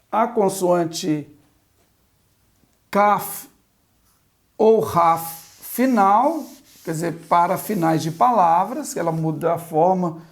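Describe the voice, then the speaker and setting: A Hebrew teacher with a mid-range, somewhat dark voice gives a slow, patient lesson at a board. She spells out the sounds one by one and asks the viewer to repeat after her.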